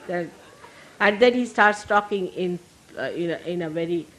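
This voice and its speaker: A spiritual teacher gives her followers an informal, humorous talk in a fairly low voice at normal speed, captured on a low-quality recording. She's warm and conversational, often tossing in asides to the audience like "see?"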